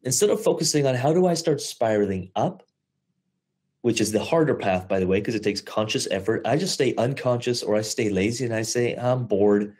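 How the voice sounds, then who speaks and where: A man in his thirties giving a motivational talk to investors, animated, swearing casually, speeding up and slowing down for emphasis. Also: medium pitch, slightly rough. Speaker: host of investor mindset call.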